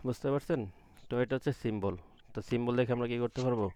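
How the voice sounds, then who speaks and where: A man's voice: medium pitch, rapid-fire, mellow, a little hiss or hum. A man teaching an online Quran class, patiently asking questions and drawing out letter sounds from the throat. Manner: patient, asks the class questions and answers them himself.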